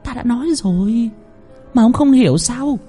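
A man voicing a female spirit medium in a trance, who prophesies doom in a shrill, harsh voice for a horror story. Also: lively intonation, moderate pace, slightly rough, soft background music, heavily acted. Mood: menacing. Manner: prophesying doom in shouts and cackles.

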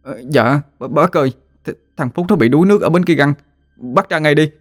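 Man playing a panicky stammering boy; quick, raised pitch, dry read. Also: dry recording, soft background music, close to an everyday voice. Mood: frightened. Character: frightened young boy, stammering.

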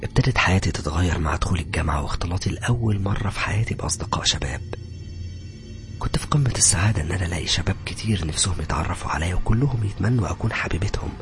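A man with an Egyptian Arabic accent, dramatically narrating a horror story in a hushed, breathy voice that swells into loud cries. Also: deep voice, very fast, music in the background.

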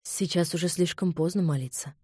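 Woman voicing a smooth, dangerous suitor. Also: a little fast, no echo, clean studio sound. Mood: velvety, calm. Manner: soft, low, velvety and calm. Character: suave, dangerous young Scottish gentleman suitor.

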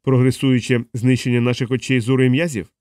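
A man's voice: medium pitch, flat delivery, fast, a little mellow, smooth, no room sound, studio quality, lightly acted. A man as a thoughtful ship captain. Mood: alarmed. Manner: thoughtful, reasoning. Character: male captain, thoughtful and analytical. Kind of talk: audiobook character voice.

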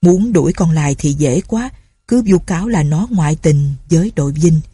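Warm, husky woman narrator. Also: deep voice, lively intonation, moderate pace, no room sound. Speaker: storyteller. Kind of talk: audiobook narration.

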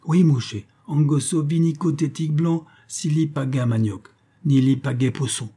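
A man's voice: medium pitch, measured pace, slightly rough. A man voicing a grateful, cheerful male forest guide who speaks broken pidgin in an audiobook. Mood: joyful. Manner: pidgin speech, eager and excited.

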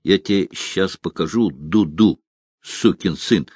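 A man's voice: low voice, slow, a little mellow, slightly rough, dry recording, clean studio sound, heavily acted. A man voicing a stout, greedy male halfling merchant who talks in a coarse, blustering way.

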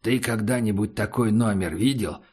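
Man voicing a husky sarcastic skinhead, coarse, mocking, swears, audiobook. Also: fairly low pitch, moderate pace, darkish tone. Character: sarcastic tough adult male skinhead survivor. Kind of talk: audiobook character voice.

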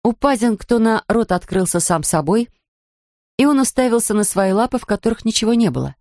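A woman narrating a children's story in an expressive, steady reading style. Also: fairly high pitch, brisk, no echo, clean studio sound. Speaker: audiobook narrator.

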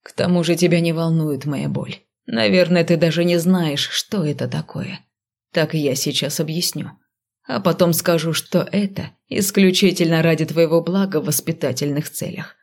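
A woman reading an audiobook, voicing a sullen, stubborn male necromancer who snaps his lines low and hushed. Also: steady tone, normal speed, vocal fry. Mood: menacing. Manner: curt, snapping, low and hushed.

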